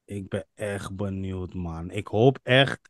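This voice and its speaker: A man's voice: sits low, slow pace, a bit bright, no room sound, clean studio sound. A man hosting a casual podcast among friends, teasing playfully and stretching his words. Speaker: podcast host leading the player list.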